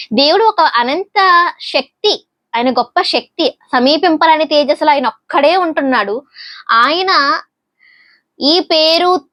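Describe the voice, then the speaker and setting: High-voiced woman preaching a sermon. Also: a bit bright, no echo. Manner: conversational, asks the listeners questions.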